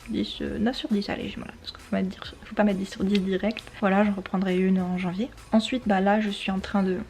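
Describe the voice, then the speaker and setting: A woman in her twenties chatting casually to her camera at home, rambling with quick asides. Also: medium pitch, dark tone, slight background noise. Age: 20s. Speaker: vlogger. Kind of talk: casual vlog chat to camera. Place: indoors at home, bedroom. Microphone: handheld compact camera.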